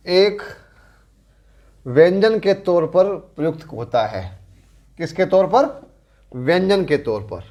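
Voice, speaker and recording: Middle-aged man, Rajasthani accent, grammar lecture, unhurried, fairly high voice. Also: darkish tone. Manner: slow, deliberate explaining with pauses and self-corrections. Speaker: teacher.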